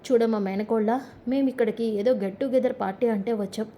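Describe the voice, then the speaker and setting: A proud middle-aged uncle lectures his niece firmly in this retold family drama, voiced by a woman narrator. The tone stays mellow and a little high. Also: steady tone, a little fast, a little hiss or hum, natural voice. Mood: stern. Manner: firm, lecturing.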